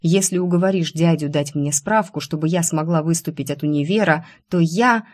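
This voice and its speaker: A woman's voice: deep voice, moderate pace. A woman voicing a stubborn young female dance student who speaks wryly and pleads. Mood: pleading. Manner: wry, pleading.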